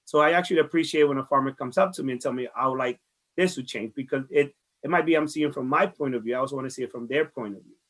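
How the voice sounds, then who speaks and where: A Dominican man, director of a farmers market, is interviewed and replies at a quick pace. His voice is mid-range and fairly bright, carrying a Dominican Spanish accent. He sounds earnest and conversational, repeating phrases often.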